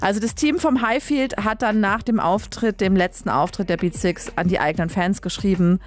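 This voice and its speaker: A Leipzig woman hosting a radio music show talks casually and colloquially at normal speed in a mid-range voice, often trailing into tag questions. A close studio radio microphone captures her, with a little hiss or hum.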